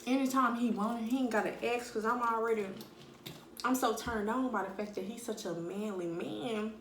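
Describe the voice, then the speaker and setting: A woman's voice: a little high, moderate pace, reverberant, a little hiss or hum. A young woman talking bluntly and animatedly in slang during a casual eating-video monologue at home. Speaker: vlogger.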